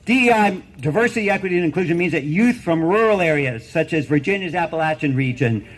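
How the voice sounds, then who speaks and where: Man giving an emphatic rally speech, higher-pitched voice. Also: expressive. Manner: emphatic, deliberate, with repeated phrases and rhetorical questions. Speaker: university professor speaking at a rally.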